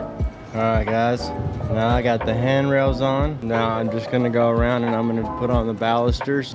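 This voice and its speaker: A man gives a casual, folksy, easygoing project walkthrough as a handyman vlogger, slurring slightly and whistling on his s sounds because of dentures. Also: mid-range voice.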